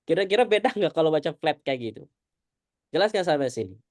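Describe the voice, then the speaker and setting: Woman, recitation teacher, low voice, animated, checks understanding often, video call, dry. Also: fast, no echo. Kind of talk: online tajwid lesson.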